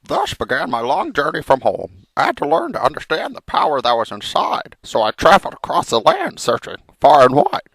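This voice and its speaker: A man voicing a melodramatic, vengeful frog hero in theatrical comic storytelling, with a gravelly cartoon-like voice. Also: fairly high pitch, huge pitch swings, moderate pace, fairly bright tone, dry recording, full character voice. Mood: mournful storytelling. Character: melodramatic, vengeful male frog hero telling his journey.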